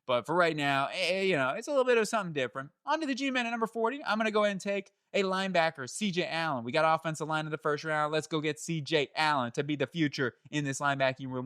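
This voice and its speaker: A man hosting his own channel, talking through football draft picks in a chatty, animated way that jumps up in pitch when he gets excited and often corrects himself. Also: clear, resonant tone, dry recording, clean studio sound. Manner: chatty, self-correcting, laughs at own slips. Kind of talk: solo sports analysis talk.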